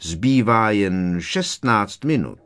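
Fussy old professor guy, soft and slow, kinda prim, a man putting him on. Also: on the low side, big pitch swings. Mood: worried. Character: elderly male examiner professor, mild and fussy.

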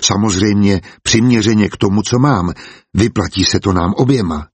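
A man voicing a jovial young ironworks owner who smoothly blackmails a rival. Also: lowish voice, no room sound. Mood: sly.

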